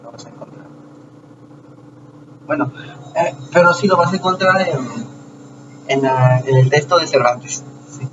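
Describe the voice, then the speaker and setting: A man talking to his viewers in a casual lecture, explaining slowly with rhetorical questions and frequent restarts. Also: fairly high pitch. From Peru. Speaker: channel host. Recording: distant lo-fi mic with noise.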